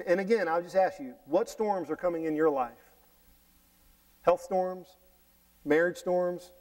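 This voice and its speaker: A middle-aged man preaching from a church stage on a headset mic, with a fairly high voice. He reads scripture and talks it through in an animated way, often restarting and repeating words. The voice sounds a little distant in the room. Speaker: pastor. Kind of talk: sermon reading and explaining scripture. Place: church sanctuary stage, indoors.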